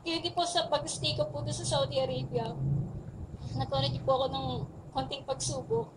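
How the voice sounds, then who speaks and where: A woman's voice: high voice, steady tone, normal speed, background noise. A young woman giving a testimony in a large church, earnest and polite, growing fervent. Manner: earnest, grows louder and more fervent; polite, frequent respectful particles. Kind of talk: testimony at a prayer meeting.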